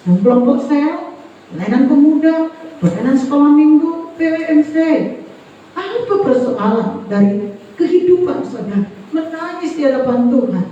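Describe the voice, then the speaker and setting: A woman's voice: sits high, animated, moderate pace, mellow. A woman preacher giving an emphatic sermon, calling out to her congregation. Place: church. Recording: echoey church hall, distant mic, dull sound.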